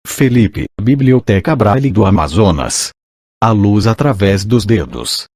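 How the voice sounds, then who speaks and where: A synthesized male voice with a Brazilian accent, like an old speech synthesizer, reading an audiobook in a mechanical, measured way. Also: fairly low pitch, lively intonation, a little mellow, no echo, clean studio sound. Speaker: audiobook narrator. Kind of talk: scripted audiobook reading of a list of laws and credits.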